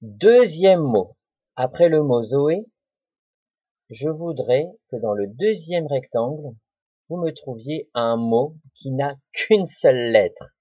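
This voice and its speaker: A man, a primary school teacher giving a recorded spelling lesson to children, slowly sounding out words syllable by syllable with patient dictation. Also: mid-range voice, animated, dark tone, breathy edge, no room sound, lo-fi sound.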